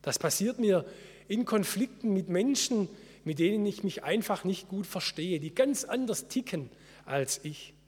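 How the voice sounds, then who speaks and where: Husky-voiced man preaching in a hall. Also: high-pitched, lively intonation, darkish tone. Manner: earnest, measured preaching with slow solemn quotes. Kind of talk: sermon.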